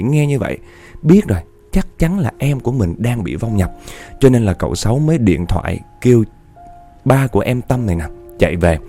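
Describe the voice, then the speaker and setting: A man telling a ghost story, animated, repeating words for effect and speaking straight to his listeners. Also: mid-range voice. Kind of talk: spoken ghost story narration.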